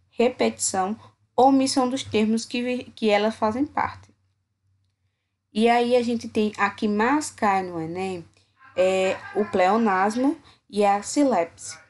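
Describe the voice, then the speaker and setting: A young woman teacher walks her students through a grammar lesson. Her voice is breathy and soft-edged at a medium pitch. She talks slowly and patiently, pausing often to check that everyone follows. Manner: slow, patient, checks in with "certo?".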